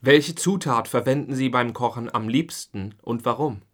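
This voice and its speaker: Man, mid-pitched, neutral reading, presenter asking interview questions. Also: moderate pace, a bit bright. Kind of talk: scripted listening-test narration.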